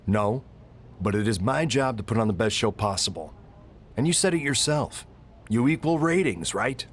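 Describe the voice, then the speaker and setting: In a scripted video game cutscene, a man voices a wary wrestling show boss, sounding dry, diplomatic and placating. His mid-range voice has lively intonation, a moderate pace and an everyday feel, with a slight hiss or hum in the recording.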